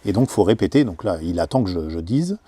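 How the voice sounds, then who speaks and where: A man with a fairly low voice explains things in a relaxed vlog style. He talks hesitantly and often pauses on filler sounds as he goes. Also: a little hiss or hum. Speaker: travel vlogger. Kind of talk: casual explanation.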